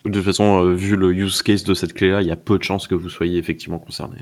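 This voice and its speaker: Very deep gravelly man explaining. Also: little pitch movement, no echo. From France. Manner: measured, many fillers and restarts. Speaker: security expert co-host. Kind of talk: casual technical explanation.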